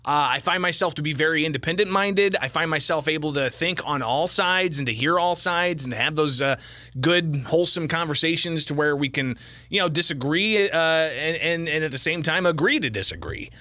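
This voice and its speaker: An American man hosts a live radio call-in show, chatting casually into a close broadcast studio mic. His voice is a little high and sharp-toned, at normal speed, with no room sound at all.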